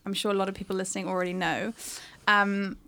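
A woman's voice: medium pitch, flat delivery, fast, creaky, pushed and bright. A woman podcast host chatting casually as she interviews guests.

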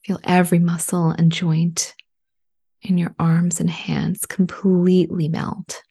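A woman leading a guided relaxation in a soft, soothing spa whisper, hushed, breathy and gentle. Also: fairly low pitch, little pitch movement, takes it slowly.

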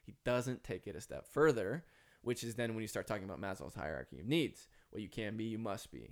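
A man's voice: lowish voice, animated, a little fast. A man with a Minnesota accent speaking earnestly and reflectively as an author guest in a podcast conversation. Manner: earnest, philosophical, emphatic.

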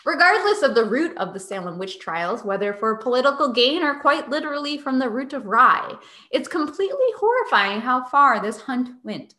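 A woman hosts a casual science podcast, explaining things in a chatty, sarcastic way. Her voice is bright and lively. The sound carries a noticeable room echo. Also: high-pitched, normal speed. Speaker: podcast host.

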